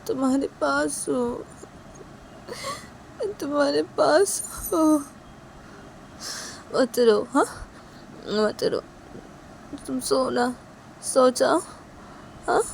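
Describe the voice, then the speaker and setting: A woman's voice: high-pitched, drawn-out words, gravelly, long pauses, a little hiss or hum, pitched above the performer's own voice, full character voice. A woman doing a pleading, tearful young woman. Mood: soothing. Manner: pleading, soft, repetitive.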